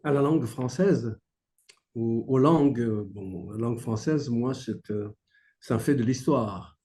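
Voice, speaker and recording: A man's voice: medium pitch, unhurried, dark tone. A man from Algeria speaking on a webinar panel, reflective and firm, with a touch of dry humor.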